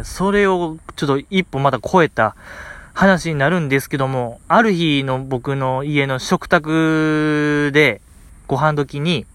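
In a slightly high voice with no room sound, a podcast host with a Kansai Japanese accent delivers a casual storytelling monologue. He's animated, uses plenty of fillers, and plays up a comic exasperation.

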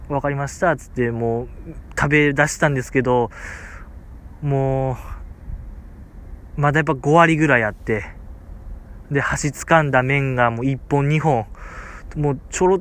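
A man's voice: medium pitch, a bit bright. A man with a Kansai accent who tells a casual story on a podcast, rambling with many fillers. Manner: rambling, filler-heavy, amused. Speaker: podcast host.

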